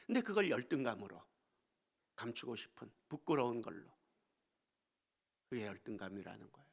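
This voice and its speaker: Gravelly male pastor preaching a storytelling sermon. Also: medium pitch, sing-song, moderate pace. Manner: storytelling, swinging from hushed asides to emphatic exclamations. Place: church sanctuary.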